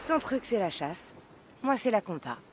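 An actress playing a chatty, excitable camp bounty clerk in a video game, with a slangy, gossipy delivery. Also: female voice, mid-range voice, normal speed, a little hiss or hum, natural voice. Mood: easygoing.

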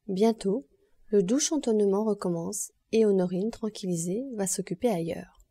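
A woman narrating an audiobook in a calm, measured reading voice. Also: medium pitch, breathy edge, dry recording, studio quality. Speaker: audiobook reader.

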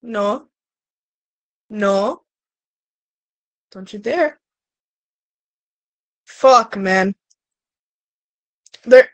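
A woman's voice: medium pitch, very slow, long pauses, dry recording, low-quality recording. A young woman co-playing a horror game on a live stream, swearing, yelping and laughing as she plays. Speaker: co-player. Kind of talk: live-stream gaming chat.

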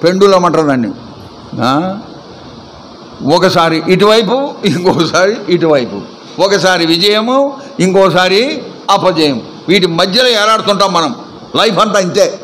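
A man's voice: high voice, animated, a little slow, long pauses, a bit bright, a little hiss or hum, rough recording. A male pastor preaching a sermon at a church service. He is emphatic and keeps quizzing the congregation with repeated questions.

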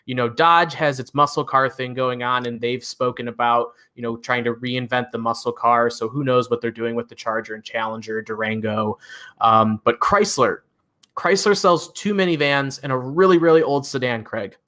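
Co-hosting a casual car news roundup, a Midwestern American man speaks at a moderate pace in a medium-pitched, sharp voice. He's enthusiastic and talkative, peppering his speech with fillers and laughter.

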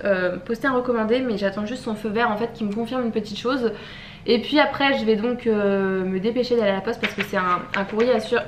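A woman's voice: on the high side, a little hiss or hum. A young woman vlogging casually at home, chatty and rambling with many fillers. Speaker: beauty vlogger. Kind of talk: casual vlog chat. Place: at home, indoors. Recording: echoey room.

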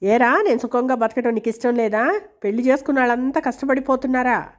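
A woman's voice: a little high, fairly even intonation, quick pace, natural voice. A woman reading as a scornful rich landlord. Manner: taunting, bossy. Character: arrogant rich male landlord, scornful and mocking. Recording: dull lo-fi recording.

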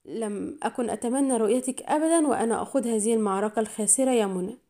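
Brief: woman voicing a defiant, worn-down hero agent, mellow tone, storybook thriller. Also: a little high, racing, close to an everyday voice. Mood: grim. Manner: bitter, angry. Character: weakened male hero agent, grim and defiant.

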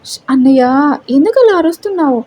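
A woman's voice: high voice, animated, a little fast, slight background noise. A woman voicing a shy sweet young wife. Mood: hesitant. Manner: soft, hesitant, sweet.

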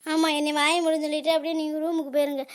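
A woman's voice: high voice, level tone, racing, natural voice. A woman voicing an adult daughter in a cartoon comedy, wailing and accusing her relatives.

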